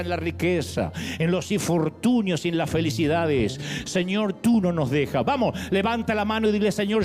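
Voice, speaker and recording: A high-pitched male pastor preaches with fervor, moving between wry anecdotes and rising exhortation. Soft music plays faintly beneath his sermon. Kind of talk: sermon with prayer.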